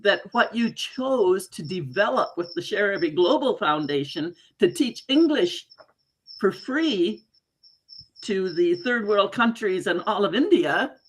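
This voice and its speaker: Interview host: woman, mid-range voice, conversational, expressive, given to exclaiming and paraphrasing. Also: mid-range voice, measured pace, breathy edge, low-quality recording.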